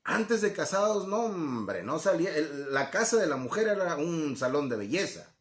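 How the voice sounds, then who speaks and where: A man's voice: fairly high pitch, animated, normal speed. Conversational Spanish-speaking man preaching. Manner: conversational, acts out quoted voices, asks listeners "¿no?". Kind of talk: Bible teaching. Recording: echoey room.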